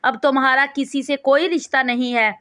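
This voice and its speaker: A woman voicing a stern, commanding rich young husband in a storybook, with a firm, forceful reading. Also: high voice, steady tone.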